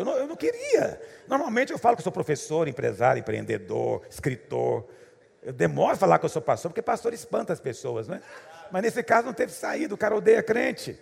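A man's voice: a little high, creaky, husky. A man preaching as a pastor, telling funny stories in a chatty way and chuckling often. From Goiás, Brazil. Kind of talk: humorous preaching with anecdotes. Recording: long hall reverb.

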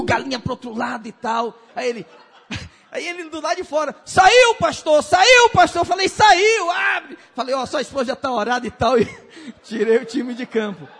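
A male pastor preaching and telling animated stories, acting out other people's voices and shouting at the climaxes. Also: extremely high pitch, slightly rough. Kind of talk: sermon with storytelling. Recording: hall reverb.

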